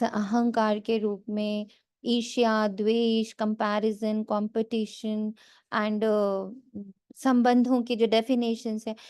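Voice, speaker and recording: Woman talking slow n earnest about spiritual stuff, mellow voice, kinda high, dry sound. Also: clean tone, no echo. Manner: slow, earnest, mixes English phrases into Hindi. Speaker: spiritual speaker. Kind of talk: reflective spiritual talk.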